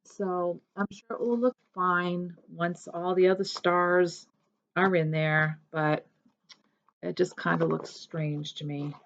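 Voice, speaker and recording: A woman talks slowly and casually in a lowish voice, showing her stitching projects. She rambles and corrects herself often. The sound is dull and lo-fi. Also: steady tone, vocal fry. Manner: chatty, rambling, self-correcting. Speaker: cross-stitch vlogger. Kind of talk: casual show-and-tell chat.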